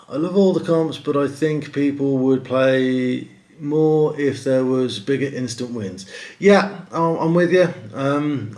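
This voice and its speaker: A man's voice: mid-range voice, a little mellow. A middle-aged man, chatting casually on a live stream and answering comments, with lots of fillers and restarts. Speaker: host of a live stream for a prize-draw site.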